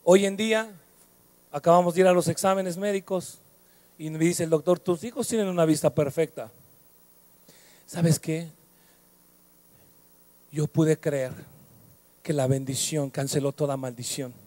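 A middle-aged man with a Mexican accent preaching a sermon, switching between shouted, singsong passages and quiet storytelling. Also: fairly high pitch, fairly even intonation, measured pace, long pauses, no echo.

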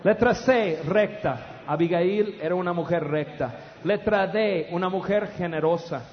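A middle-aged preacher with a very high voice, telling stories in an animated, loud rush with stammered restarts. His voice carries through a long-echoing hall on a dull recording, a congregation faintly audible behind him. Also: a little slow, a little hiss or hum. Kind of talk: humorous storytelling sermon. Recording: dull, echoey hall with audience.

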